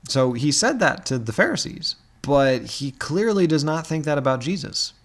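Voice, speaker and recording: A man's voice: a little high, sing-song, normal speed. A man giving a conversational, reflective talk explaining scripture, with chuckles and fillers. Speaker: author and commentator.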